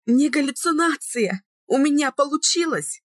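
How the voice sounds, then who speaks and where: A woman reader plays a young heroine from a storybook romance who begs and weeps. Her voice lifts high with emotion. The recording is dry and close. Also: steady tone, normal speed, dry recording, close to an everyday voice. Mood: joyful. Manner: emotional, pleading.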